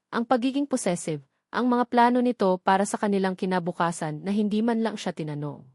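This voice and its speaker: A woman with a Filipino accent and a medium-pitched, darkish voice narrates a scripted dramatic story for an audiobook. The recording is dry and clean, with studio sound.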